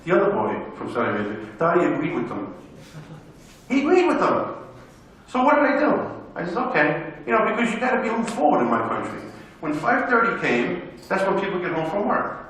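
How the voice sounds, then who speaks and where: Animated New preacher in echoey hall. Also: male voice, on the high side. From United States. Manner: animated, emphatic, rhetorical questions. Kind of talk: public talk with storytelling. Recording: echoey hall, speaker distant from mic.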